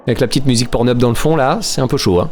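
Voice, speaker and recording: A man's voice: mid-range voice, rapid-fire, a little hiss or hum. A man doing joking let's-play commentary, reacting playfully to a game. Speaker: gaming streamer.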